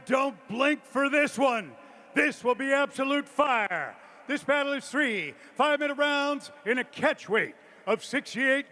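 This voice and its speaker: A man announcing fighters in a loud, drawn-out ring announcer's delivery in a fight arena. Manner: booming, drawn-out shouted announcing. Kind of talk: fight introductions. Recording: arena with crowd and noise.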